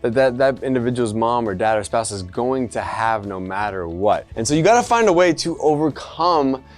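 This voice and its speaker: Man in his own voice, mid pitch, talking shop to camera, loose and emphatic, soft music in the background. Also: animated, normal speed. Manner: conversational and emphatic, jokey asides. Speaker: adult day care business coach. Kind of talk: casual advice talk to camera.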